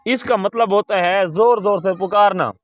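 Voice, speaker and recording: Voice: medium pitch, normal speed. Teacher, call-and-response English lesson, spells words letter by letter, calls pupils "beta".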